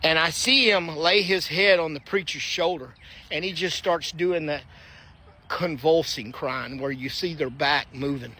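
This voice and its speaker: A man's voice: fairly high pitch, a little slow, sharp tone. A man telling a personal faith testimony in an earnest, conversational way, with fillers and restarts. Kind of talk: personal testimony, casual storytelling. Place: backyard, outdoors.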